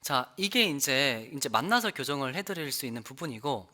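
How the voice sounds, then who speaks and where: A man's voice: mid-range voice, moderate pace. Guy teaching english pronunciation online, bouncy voice, repeats the sounds to show them. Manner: lively, demonstrates sounds by repeating words. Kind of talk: online lesson explaining pronunciation.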